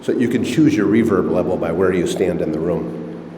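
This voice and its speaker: A middle-aged man who owns an old missile silo, talking in a relaxed, rambling way with fillers, recorded inside a concrete chamber. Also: sits low, moderate pace. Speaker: missile silo owner giving a tour. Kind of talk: casual conversational interview. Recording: echoey concrete chamber, faint background noise.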